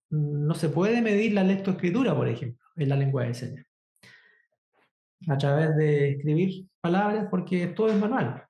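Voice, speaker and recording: A sign language instructor, teaching a workshop lesson with deliberate explanations and frequent check-ins with the class. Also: mid-range voice, mellow. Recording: echoey room.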